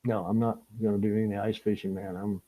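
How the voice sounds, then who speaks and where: With phone-quality sound via a small camera or lapel mic, a man runs a fishing channel live stream, speaking a little fast in a lowish, flat voice. He reads comments out loud, chats casually with the audience, and rambles with frequent chuckles.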